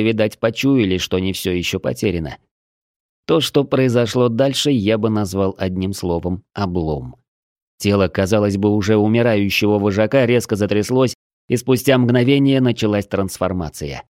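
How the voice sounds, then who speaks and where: A man reading a first-person adventure audiobook in a measured, steady storytelling manner. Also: on the low side, dry recording, studio quality. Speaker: audiobook narrator.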